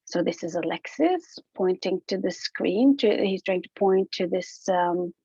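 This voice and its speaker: Gravelly-voiced woman professor presenting research. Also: lowish voice, lively intonation, a little slow, mellow, no echo. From Hungary. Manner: informal, thinking aloud with fillers and restarts. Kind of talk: conference presentation. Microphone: online talk over a computer mic. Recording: dull, dry lo-fi audio.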